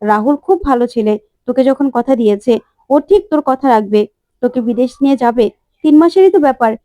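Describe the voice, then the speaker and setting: A woman storyteller doing a caring elder sister who gently persuades, in a high, quick voice. The voice is mellow and recorded close and dry. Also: lively intonation, no echo, close to an everyday voice. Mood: persuading. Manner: soothing, persuading.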